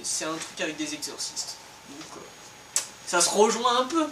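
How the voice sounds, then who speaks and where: Young guy rambling with lots of ums, kinda high voice, mic far off, roomy and noisy. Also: animated, measured pace. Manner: rambling, hesitant, lots of filler. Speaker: co-host. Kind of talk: casual improvised chat. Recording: echoey room, distant mic, noisy.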